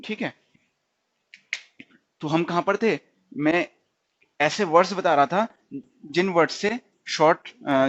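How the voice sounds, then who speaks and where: A man teaching stenography in a recorded tutorial, often repeating words and quizzing himself. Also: fairly high pitch. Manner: repeats and quizzes himself, frequent "theek hai". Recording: dull lo-fi recording.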